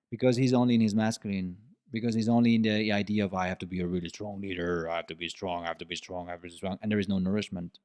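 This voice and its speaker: A man talks through his ideas in a reflective solo podcast, earnest and explanatory. His voice sits somewhat low, and he repeats key phrases to drive them home. His English has some non-native slips in phrasing and grammar. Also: darkish tone. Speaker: podcast host.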